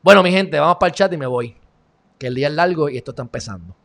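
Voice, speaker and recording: A man with a Puerto Rican Spanish accent hosts his live stream, his voice sitting a little higher than most men's. He talks casually and heatedly, tossing in mocking, sarcastic asides as he works through the chat. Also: expressive, very fast, gravelly, a bit bright. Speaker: online show host.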